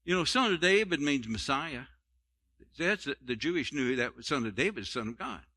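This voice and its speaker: Animated folksy preacher, sharp tone. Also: male voice, medium pitch, moderate pace. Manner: animated storytelling, folksy asides, repeats words. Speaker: pastor. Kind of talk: sermon.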